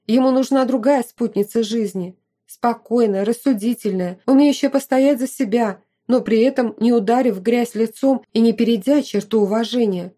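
A woman voicing a lively, outspoken young woman, a caring and protective friend, who talks emphatically and at length. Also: fairly high pitch, normal speed, lightly acted. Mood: enthusiastic. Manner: emphatic, talkative. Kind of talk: audiobook character voice.

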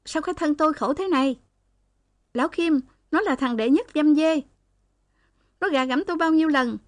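A woman's voice: high-pitched, no room sound, voice pushed up, lightly acted. A woman voicing a scrawny, hysterical young woman who wails and screeches, swapping n sounds for l. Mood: shrieking wail. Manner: swaps n for l, screeching fast.

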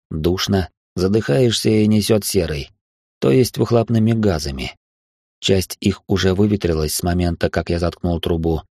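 A man reading a dark fantasy audiobook in steady scripted narration, voicing the first-person hero. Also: low-pitched, dry recording, clean studio sound.

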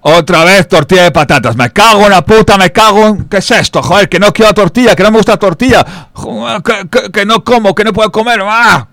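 A man voicing a hot-tempered male bricklayer who curses and rants in a high, frantic shout. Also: brisk, hardly any pauses, dry recording, clean studio sound. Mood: furious.

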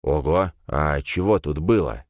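A blunt young student friend grumbles casually, as a male reader plays him. The voice stays low and close to the reader's own, dry and near the mic. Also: expressive, a little slow, no room sound.

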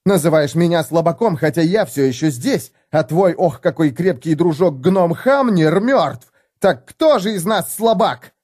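A man voicing an indignant, fed-up young human adventurer who shouts in a raised, strained voice in an audiobook. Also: fairly high pitch, animated, measured pace, pitched above the performer's own voice.

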